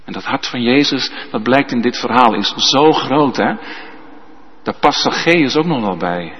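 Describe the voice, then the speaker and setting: A man preaching a sermon as pastor, slow and emphatic, often ending points with a tag question. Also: medium pitch, expressive, breathy edge. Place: church. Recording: dull sound with long church reverb.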